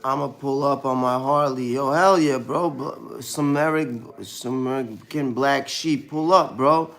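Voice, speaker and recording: A man's voice: medium pitch, a little slow, vocal fry, a bit bright. A man in his thirties with a New York Brooklyn accent, chatting loosely on a live stream and saying "bro" constantly. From born in Ukraine, raised in Brooklyn, New York. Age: 30s. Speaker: livestreamer answering chat. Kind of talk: casual live-stream chat.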